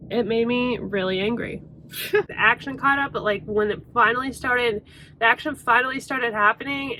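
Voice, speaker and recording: A woman's voice: on the high side, pushed and bright, slight background noise. A woman talking frankly about books in a casual vlog, often exasperated and swearing freely. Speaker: book vlogger. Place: in a truck on a hot day.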